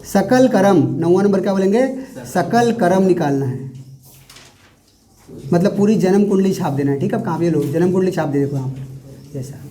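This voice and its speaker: A man teaching chemistry in a classroom, quizzing his students call-and-response questions in an animated way. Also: sits high, normal speed, long pauses. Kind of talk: classroom lecture.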